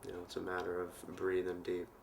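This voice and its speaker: A man from Portland with a very low, gravelly voice speaks calmly about his path. He sounds earnest and reflective. His talk has a spiritual bent. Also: fairly quick. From Portland, Oregon. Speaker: yoga teacher and massage therapist. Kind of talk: reflective interview answers.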